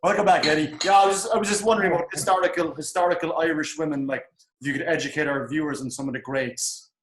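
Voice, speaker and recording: Higher-voiced man interviewing in a roomy space. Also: fairly even intonation, fast talker. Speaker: co-host, interviewer. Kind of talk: casual interview chat. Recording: roomy, echoing sound.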